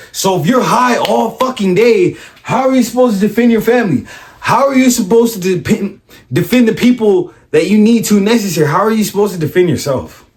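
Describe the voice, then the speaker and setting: A man, a life coach, telling a personal story in casual, blunt, profane talk, often checking in with "right?" and acting out the other people's lines. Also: sits high. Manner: acts out other people's voices in his stories.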